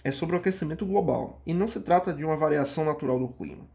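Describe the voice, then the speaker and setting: A man's voice: fairly high pitch, fast talker, vocal fry, a little mellow. A man with a Brazilian Portuguese accent, teaching a recorded geography review class. He reads each question aloud and then answers it, calling out to his students and stumbling into small restarts. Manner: frequent fillers and restarts.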